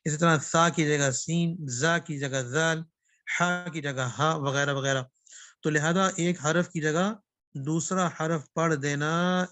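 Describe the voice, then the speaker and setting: A man teaching Quran recitation in a classroom lesson. He asks questions, answers them himself, repeats key phrases and slows down to recite verses. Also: a little high, sharp tone, dry recording.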